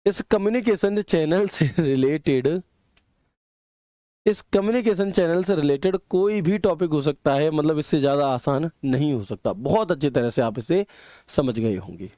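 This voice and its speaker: A man's voice: on the high side, animated, moderate pace, mellow, no room sound, clean studio sound. A male computer teacher with a way of speaking, lecturing in a chatty style and often checking whether the students understood. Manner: chatty, keeps asking "ठीक है", homely examples. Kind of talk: classroom lecture.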